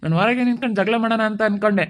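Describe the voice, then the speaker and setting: A man playing an angry middle-aged village father who scolds rapidly, speaking in an amateur family skit. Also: sits high, natural voice. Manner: scolding, threatening, rapid outbursts.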